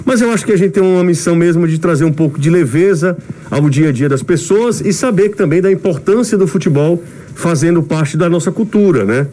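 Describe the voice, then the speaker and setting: Speaking a little fast in a slightly high, warm voice, this sports radio show host chats casually while wearing a face mask that muffles him on the studio mic. Behind him runs a music bed, plus a little hiss or hum.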